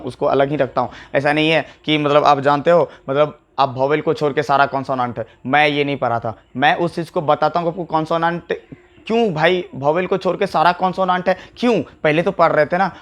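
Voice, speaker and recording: A man gives a grammar lesson in a high, bright voice. He repeats key words over and over and keeps asking his students questions. He speaks as a teacher working at a whiteboard. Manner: explains, repeats words, asks rhetorical questions. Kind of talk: classroom lecture to camera. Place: classroom with a whiteboard.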